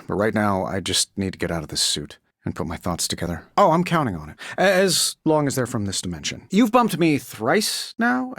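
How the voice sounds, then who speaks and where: Cocky, animated American superhero. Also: male voice, fairly high pitch, no room sound, studio quality. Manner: sardonic, glib, fast-witted banter. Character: cocky, wisecracking superhero genius inventor, adult man. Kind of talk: video game voice acting, quippy dialogue.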